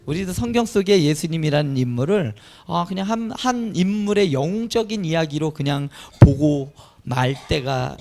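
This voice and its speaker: Animated preaching man, gravelly voice. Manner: animated preaching, rising to emphatic highs. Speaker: pastor. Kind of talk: Easter sermon.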